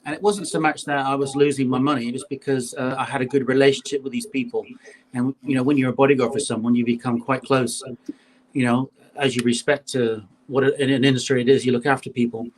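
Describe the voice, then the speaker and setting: A man's voice: medium pitch, fairly even intonation, fast, slight background noise. A man, a guest chatting on a call, leaning on "you know" and frequent "uh". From England. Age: 50s. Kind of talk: casual interview on a call.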